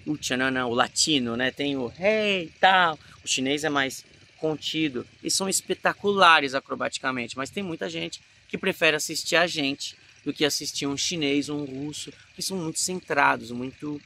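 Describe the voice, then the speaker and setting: Brazilian man, acting teacher, gravelly bright voice, animated casual lesson, faint background noise. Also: fairly high pitch, normal speed. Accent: Brazilian Portuguese. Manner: animated, demonstrates emotions mid-talk.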